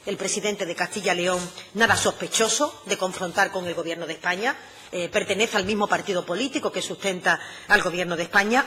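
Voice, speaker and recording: A middle-aged woman delivers a formal address to a parliament with a bright, incisive edge to her voice. She speaks in a measured, emphatic way and pauses on frequent "eh" hesitations. A long reverb trails her words through the chamber. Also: medium pitch, a little hiss or hum. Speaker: regional finance minister.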